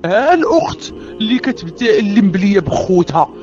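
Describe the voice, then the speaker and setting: A woman's voice: medium pitch, sing-song, fairly quick, a little mellow, muffled recording, soft background music. A woman with a Moroccan Arabic accent preaching to women, impassioned and pleading, asking many rhetorical questions. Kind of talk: religious exhortation to women.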